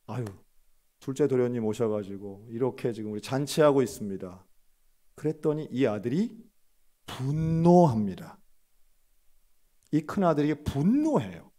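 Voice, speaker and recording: A male pastor preaching a sermon, telling a story with lively delivery and loud bursts when he acts out quoted lines. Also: on the high side.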